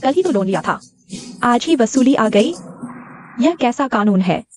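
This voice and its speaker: A woman dubbing a worried middle-aged mother who pleads anxiously, with soft music behind. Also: fairly high pitch, expressive, measured pace. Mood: indignant.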